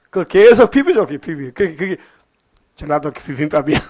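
A man preaching a sermon in a homely, conversational way, pausing to quiz his listeners. His voice sits fairly high for a man. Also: big pitch swings, darkish tone. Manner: folksy, questioning the congregation. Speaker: pastor.

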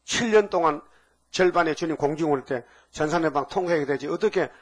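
An older male pastor preaches, firing off rhetorical questions and asides. His voice sits a little high for a man and has a husky edge. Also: fairly quick. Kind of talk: sermon.

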